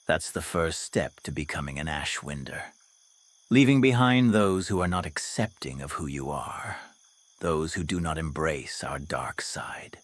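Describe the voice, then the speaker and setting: An actor playing a sinister dark wizard mentor in an audio drama, menacing and insinuating. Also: male voice, a bass voice, a little slow. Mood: sinister approval.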